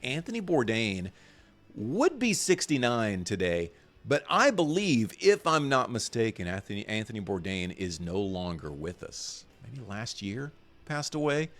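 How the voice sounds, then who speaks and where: A man's voice: fairly low pitch, sing-song, unhurried. A man co-hosting a crypto news stream in a casual, rambling and self-deprecating way, with lots of fillers. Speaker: co-host of a crypto news show. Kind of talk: casual livestream chat.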